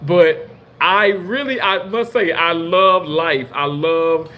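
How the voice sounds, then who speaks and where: Man, late 30s, surgical assistant, rambling animated storyteller, slightly high voice. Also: takes it slowly. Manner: rambling, animated, many restarts. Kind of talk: casual storytelling monologue.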